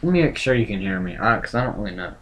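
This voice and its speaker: A man hosting a casual livestream, rambling and thinking aloud in a halting, self-correcting way. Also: fairly low pitch, lively intonation, a bit bright. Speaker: livestream host tracking a tropical storm. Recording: clear background noise, room ambience.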